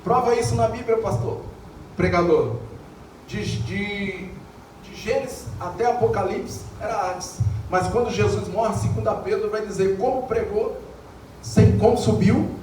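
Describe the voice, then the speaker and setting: A Brazilian man preaching an evangelical sermon, building to shouted, sung climaxes. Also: sits high, distant mic, a little hiss or hum. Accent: Brazilian Portuguese. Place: church. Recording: echoey church hall heard from afar, music behind.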